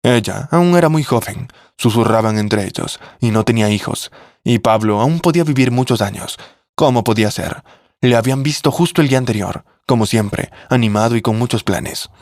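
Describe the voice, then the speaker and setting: Man, scripted story narration, measured, mid pitch, dry. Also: darkish tone, dry recording.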